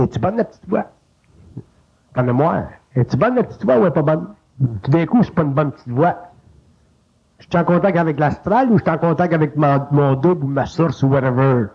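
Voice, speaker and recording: Here a Quebec-accented man gives informal spiritual teaching, casual and lively, his voice leaping higher whenever he imitates an inner voice. His tone is a bit rough, somewhat veiled, and without sparkle. It was captured on an old cassette, later digitized, so it sounds muffled and low-fidelity.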